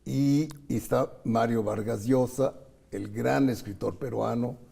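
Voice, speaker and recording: A middle-aged man talks films in an easy, conversational way, his voice gravelly and a little husky. The tone is warm and dark, and he lingers over the details of actors' careers as he recalls them. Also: mid-range voice, steady tone, unhurried. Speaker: film critic co-host. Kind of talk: casual conversation about film.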